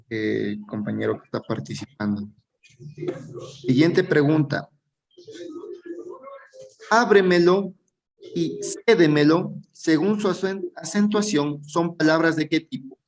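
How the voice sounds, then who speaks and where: An Ecuadorian man teaching an exam-prep class at an ordinary pitch for a man. He explains step by step and often stops to ask his students rhetorical check questions. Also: low-quality recording. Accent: Ecuadorian Spanish.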